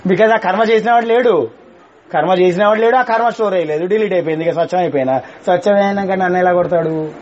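A high-voiced man gives a quick, colloquial spiritual talk to his students, teasing them as he goes. The recording sounds a little dull, with faint room ambience behind him. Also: a little mellow, a little hiss or hum. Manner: colloquial, teasing, mixes English words. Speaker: spiritual teacher. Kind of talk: spiritual discourse to a class.

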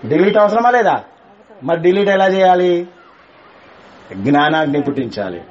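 A man's voice: high voice, animated, moderate pace, a little mellow, highs cut off. A man teaching a class on spirituality, talking in a colloquial, teasing way and dropping English words into his speech.

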